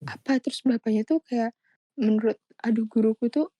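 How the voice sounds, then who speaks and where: Young woman guest, animated storyteller, warm low-brightness tone. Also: normal speed, no echo, muffled recording. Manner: animated storytelling, many fillers. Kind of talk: casual chat.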